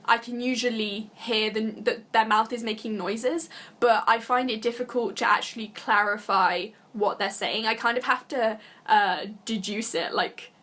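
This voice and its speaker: A young British woman vlogs casually to camera in a slightly high, bright, forceful voice with a steady tone at normal speed. She's giggly and uses lots of fillers.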